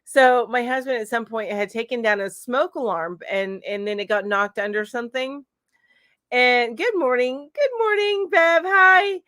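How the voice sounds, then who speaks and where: A woman's voice: a little high, a little slow, a bit bright, no echo, clean studio sound. A middle-aged woman hosting a live chat stream from home, casually reading out viewer comments and responding with lots of fillers. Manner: chatty, reads comments aloud with frequent fillers. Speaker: crochet channel host.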